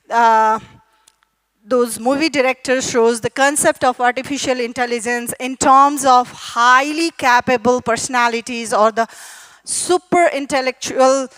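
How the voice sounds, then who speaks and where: Female conference presenter, higher register, relaxed talk full of fillers. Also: low-quality recording. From Nepal. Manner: friendly, chatty, with frequent fillers. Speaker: conference speaker. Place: conference hall.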